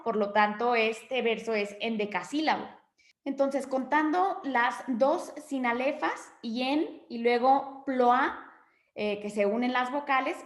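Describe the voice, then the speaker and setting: A woman walks through a poem as a literature teacher, patient and methodical, with frequent fillers and checking questions. Her voice sits a little high for a woman. The room around her rings with a noticeable echo. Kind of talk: explanatory lesson on a poem. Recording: echoey room.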